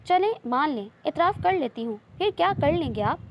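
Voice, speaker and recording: A shy, easily flustered young woman from a storybook romance, as a woman reads her. She pleads and protests softly. The voice sits high, with faint noise behind it. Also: sing-song, normal speed, muffled recording. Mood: flustered, pleading. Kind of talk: romance novel reading.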